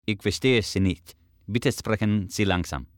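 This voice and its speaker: A man's voice: lowish voice, a little slow, no room sound, clean studio sound. A man practising a language lesson, carefully repeating each phrase after his tutor.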